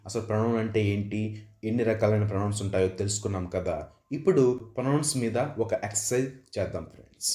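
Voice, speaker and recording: A man's voice: mid-range voice, a little mellow. A male English teacher giving an explanatory video lesson, breaking sentences down word by word and often calling his listeners friends. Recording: echoey room.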